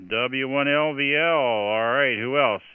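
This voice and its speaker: A man's voice: medium pitch, takes it slowly, heavy background noise. A man working as a radio net controller, calling stations with phonetic call signs like a marine radio operator and chatting informally between calls over a two-way radio. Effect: two-way radio transmission. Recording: narrow phone-like radio audio, dry.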